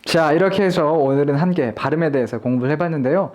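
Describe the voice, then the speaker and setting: A pronunciation teacher giving a polite, patient online lesson, saying example words slowly and repeating them. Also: medium pitch, a little mellow. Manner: polite, encouraging instruction to viewers. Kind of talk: online lecture.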